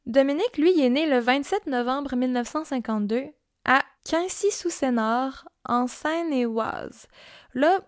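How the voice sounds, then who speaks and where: A Québécois woman with a high, bright-pitched voice narrates a true-crime case for her podcast. She talks casually, with small fillers and asides. The sound is close and dry, with no room around her. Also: unhurried, no room sound. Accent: Québécois French. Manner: casual, chatty storytelling with frequent fillers. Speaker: podcast host and storyteller.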